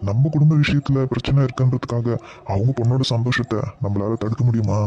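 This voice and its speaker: A man voicing a calm, reassuring grown man in a cartoon web series. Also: mid-range voice, quick pace, a little hiss or hum, natural voice. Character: adult man, calm steady family elder brother. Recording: dull lo-fi recording.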